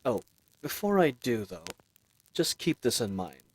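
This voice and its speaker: In fantasy audio roleplay, a man plays a charismatic, friendly bandit leader who is roguish, lively and charming, speaking intimately to the listener in a casual, chatty, playfully teasing way. His mood is firm and commanding, and his husky mid-range voice moves a little slowly.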